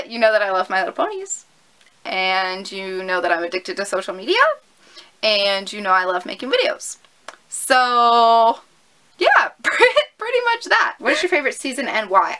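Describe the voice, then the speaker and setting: A woman's voice: a little high, sharp tone, poor audio. A woman of twenty-one, chatty and upbeat, answering viewer questions in a casual vlog filmed at home on a camera mic. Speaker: YouTuber.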